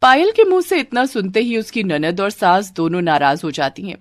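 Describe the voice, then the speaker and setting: A woman's voice: medium pitch, lively intonation, normal speed, no room sound, studio quality. Woman narrating a storybook.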